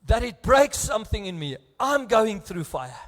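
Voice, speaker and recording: A South African man preaching a sermon as pastor, earnest and close to tears, his delivery swinging between hushed and raised. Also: high-pitched, very animated, moderate pace. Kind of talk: bilingual sermon. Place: church. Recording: echoey church hall.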